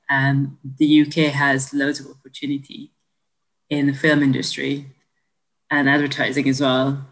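A woman's voice: low voice, rough recording. Upbeat young woman from Hungary. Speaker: podcast guest. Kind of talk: casual chat.

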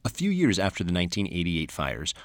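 A middle-aged man with a low-pitched voice narrates a scripted, reflective podcast. His delivery is earnest and measured, touched with dry humor. The sound is dry, with very little room around the voice. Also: huge pitch swings, no room sound. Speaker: podcast host, former pastor.

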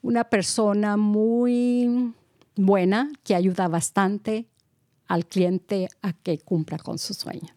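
A woman real estate agent, a guest in an interview, speaking with slow emphatic phrasing. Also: mid-range voice, steady tone, dark tone, no echo, clean studio sound.

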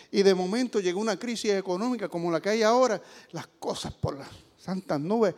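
A male pastor preaching emphatically, dropping to quiet asides and rising to loud calls for praise. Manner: emphatic, swings from low asides to loud exclamations. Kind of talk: sermon. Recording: long hall reverb.

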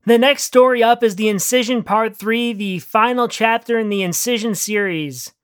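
An author reading a darkly comic short story aloud in a dry, deadpan way, then chatting casually about it. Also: mid-range voice, normal speed, clean tone, no echo. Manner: dry deadpan narration, chatty and giggly when talking afterward. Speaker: author and narrator.

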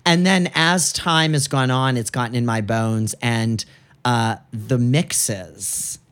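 A man's voice: medium pitch, slow pace, fairly bright tone, smooth. A man hosting a music podcast, chatting enthusiastically and gushing about songs with lots of casual fillers. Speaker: podcast host.

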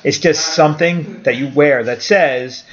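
Appearing as a guest on a casual podcast, a man in his forties who runs a karate school speaks bluntly, offers strong opinions, and swears occasionally. His voice is a little high and a bit bright, at a measured pace. The recording sounds dull.

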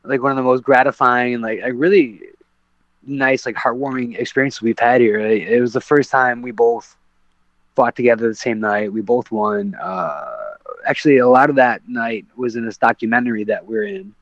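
A man's voice: mid-range voice, steady tone, moderate pace, no echo. A man, a professional fighter, telling a story on a podcast in a casual, rambling way with lots of fillers and restarts. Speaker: guest, professional MMA fighter. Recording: dull lo-fi, dry sound.

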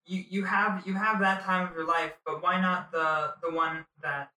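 A man's voice: high-pitched, level tone, moderate pace, pushed and bright, distant mic. A young man hosting a casual chat, interviewing a guest in an informal way. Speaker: podcast host, interviewer. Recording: echoey room, away from mic.

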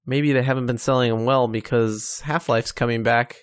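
A man's voice: medium pitch, steady tone, clear, resonant tone, no echo, clean studio sound. A man co-hosting a podcast, talking about gaming news in a wry, joking way. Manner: wry, joking, quick to laugh. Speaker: podcast co-host. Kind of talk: casual gaming news chat.

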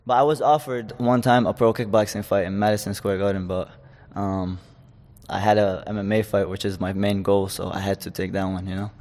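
Young fighter from Chechnya, lower-pitched man, casual interview talk, some hall reverb. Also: level tone, fairly quick, darkish tone. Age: 20s. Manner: loose, rambling, many fillers and restarts. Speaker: guest, amateur fighter.

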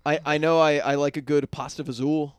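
A man chatting on a podcast, swearing freely and slipping into his relatives' voices as he tells a story. His voice sits a touch high and comes through clean and smooth, recorded dry and close. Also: a little fast, dry recording. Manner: animated storytelling, profane, mimics relatives. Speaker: podcast co-host. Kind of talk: casual podcast chat.

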